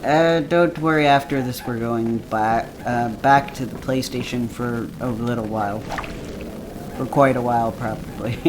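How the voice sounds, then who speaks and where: A man co-hosting a let's play, chatting casually and relaxed while the game runs. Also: mid-range voice, measured pace. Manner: relaxed, chatty, trailing off with fillers. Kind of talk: casual gameplay chat. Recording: loud background noise.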